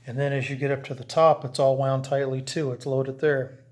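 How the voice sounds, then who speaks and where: Using a camera mic while handling equipment, a CB radio hobbyist gives a casual, rambling how-to on radio setup, restarting as he explains. His mid-range voice is a little mellow with little pitch movement, and his pace is moderate.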